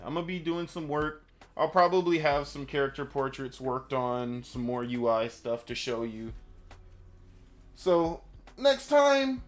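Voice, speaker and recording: A man streaming his game development, talking casually to viewers and thinking aloud as he works. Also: mid-range voice. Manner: relaxed, thinking aloud, chatty asides to viewers. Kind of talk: casual live-stream chat.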